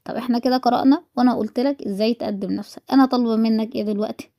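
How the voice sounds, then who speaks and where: A woman with an Egyptian Arabic accent gives a quick-paced French lesson, repeating each phrase and then translating it. Her voice sits a little high but has a warm, mellow tone. The recording is dry and close. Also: fairly even intonation, dry recording. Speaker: French teacher. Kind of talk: recorded lesson for school pupils.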